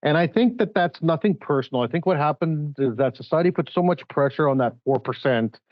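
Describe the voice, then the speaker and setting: Animated man from Chile hosting a podcast. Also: fairly high pitch, brisk, no echo, dull audio. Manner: animated, emphatic, builds points with examples. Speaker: podcast host. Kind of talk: casual interview chat.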